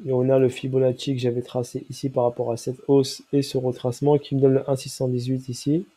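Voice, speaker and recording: A man talks through a trading chart in a very dark, mellow voice made nasal by a cold. His nose is clearly stuffed up. He explains step by step, middle-pitched, and keeps checking that listeners are with him. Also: monotone, fast. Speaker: crypto trading analyst. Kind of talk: chart analysis walkthrough.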